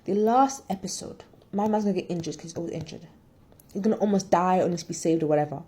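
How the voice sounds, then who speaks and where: A woman's voice: on the low side, fast talker, mellow, husky. A woman in casual chat, reviewing a drama in a candid, opinionated and rambling way.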